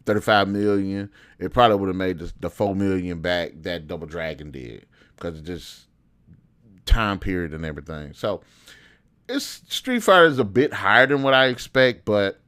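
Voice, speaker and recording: He speaks at a moderate pace in a low, expressive voice that's clear, resonant, and a bit bright. A man around thirty, he hosts video game film reviews with rambling, opinionated, unscripted chatter.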